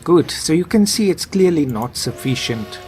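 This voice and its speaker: A man's voice: a little high, expressive, moderate pace, a little mellow. A man commentating his own gameplay, musing and thinking aloud as he plays. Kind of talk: let's play commentary. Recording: faint game music behind.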